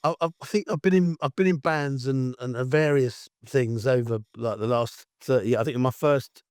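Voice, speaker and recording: Man, middle-aged, Essex accent, croaky hoarse voice, rambling chatty guest, dry close sound. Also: medium pitch, normal speed, no echo. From Essex, England. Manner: rambling, chatty, self-styled loudmouth. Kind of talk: casual interview chat.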